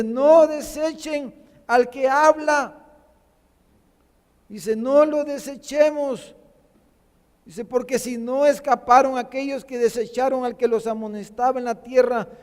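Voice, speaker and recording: A man's voice: extremely high pitch, a little mellow, in a large hall. A man preaching a sermon to his congregation, often calling them brothers and repeating words as he builds a point. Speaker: pastor. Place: church sanctuary.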